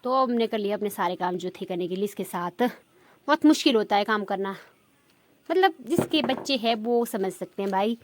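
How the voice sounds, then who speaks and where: A woman speaks at a medium pitch and normal speed, sounding animated. She's a village vlogger with a Himachali Pahadi Hindi accent, chatting casually to her viewers in a rambling way packed with fillers.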